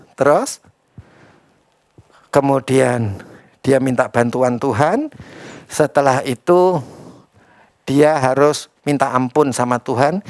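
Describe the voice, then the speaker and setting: A man preaching a sermon as pastor, quizzing the congregation and swinging between loud emphatic lines and quiet asides. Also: medium pitch, dry recording. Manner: asks the congregation questions, addressing them as brothers and sisters.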